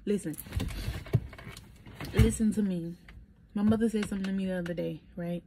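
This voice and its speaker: A young woman telling stories in a casual diary-style vlog, animated and emphatic, recorded on a phone. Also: mid-range voice, normal speed, noisy background. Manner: animated storytelling, emphatic and encouraging. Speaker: vlogger.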